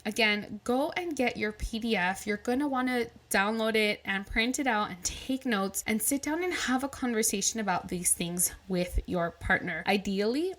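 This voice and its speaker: A woman's voice: medium pitch, a bit bright. Cheery california woman doing a solo podcast, wedding planner giving pep-talk tips, chatty, trips over words sometimes. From Southern California. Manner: upbeat and encouraging, chatty with small restarts.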